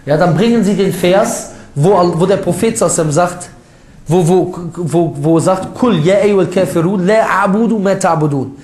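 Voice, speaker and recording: Emphatic high-voiced German preacher. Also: male voice, darkish tone, echoey room. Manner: colloquial, emphatic, mocking critics, frequent rhetorical questions. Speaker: Islamic preacher. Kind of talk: informal religious lecture.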